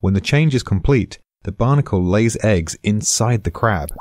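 British guy narrating a podcast, lowish mellow voice, bit husky, darkly amused. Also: lively intonation, normal speed. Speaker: explainer.

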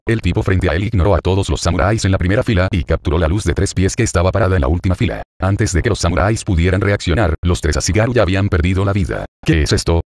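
Fast, low-voiced male audiobook narrator. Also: darkish tone, no echo, clean studio sound. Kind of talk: audiobook reading of a translated web novel.

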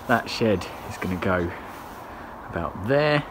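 A man's voice: sits low, expressive, measured pace, noisy background. A young man in his twenties vlogging a garden building project, talking casually with a wry, self-deprecating manner while filming on a phone held at arm's length outdoors. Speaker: home brewing vlogger. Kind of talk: casual vlog narration. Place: outdoors in a back garden and inside a wooden cabin. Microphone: phone camera at arm's length.

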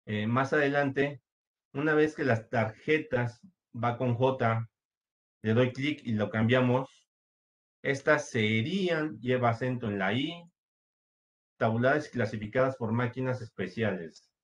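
A man guides students through a computer lesson at an unhurried pace. His voice sits at a middle pitch, and he pauses often with fillers as he explains each step. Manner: slow, patient, step-by-step with many fillers. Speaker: teacher. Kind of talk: screen-share computer lesson.

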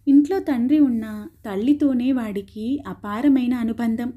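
A woman reading a story aloud as an audiobook, steady and expressive, softly voicing the characters' dialogue. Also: fairly high pitch, moderate pace, narrow, tinny audio.

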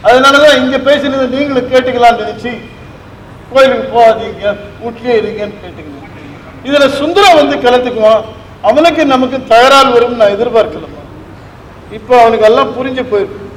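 An actor playing an older family friend on stage, earnest, patient and respectful. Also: male voice, very high voice, fairly quick. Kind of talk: 1970s Tamil stage play acting. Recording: echoey hall, faint noise, stage recording.

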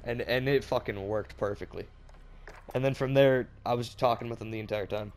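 A man's voice: mid-range voice, normal speed, darkish tone, a little hiss or hum. A young man with a congested cold, chatting crudely and laughing often during casual gameplay commentary. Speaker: gamer and channel host.

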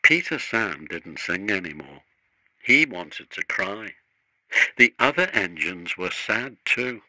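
Male storybook narrator, measured and expressive, bright voice, dry close sound. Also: low-pitched, dry recording, low-quality recording.

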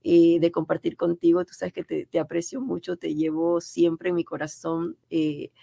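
A woman's voice: on the low side, little pitch movement, moderate pace, creaky, mellow, no room sound. A middle-aged woman from Panama with a Panamanian Spanish accent, a guest in a radio studio interview, talking earnestly and repeating her key phrases for emphasis.

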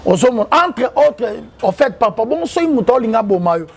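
A man's voice: very high voice, sing-song, a little slow. A man, talking in an interview with a preachy manner and quoting the Bible. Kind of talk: interview mixing French and Lingala.

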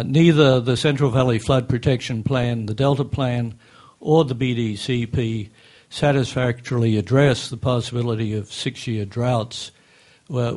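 An older man addresses a council from a desk microphone in an indoor meeting room. He talks in a measured, technical way and pauses often on fillers, his pitch sitting in an ordinary middle range. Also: a little mellow. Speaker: public commenter. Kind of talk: public comment at a council meeting. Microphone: desk microphone on a stand.

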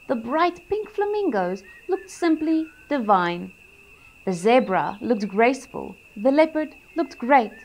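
A woman reading a rhyming picture book aloud for children, gentle and expressive. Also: on the high side, slow pace. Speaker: children's storyteller.

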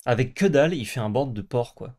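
A man's voice: mid-range voice, lively intonation, brisk, mellow. A man with a French accent playing a card game on stream, narrating his own moves, grumbling and joking. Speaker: co-host. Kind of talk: casual gameplay commentary.

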